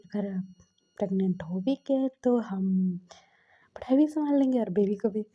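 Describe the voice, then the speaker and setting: A woman's voice: mid-range voice, normal speed, dark tone, slightly rough, highs cut off, natural voice. A woman voicing an eager, playful young man who is in love, in a story she tells aloud.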